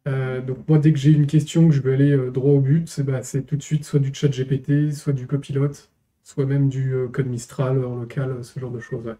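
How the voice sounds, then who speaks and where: A male developer chatting on a tech podcast, breaking down technical concepts plainly. His voice is very dark in tone and stays flat, with little rise or fall. Relaxed panel conversation. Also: medium pitch, normal speed. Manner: explains technical terms plainly. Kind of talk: casual tech panel chat.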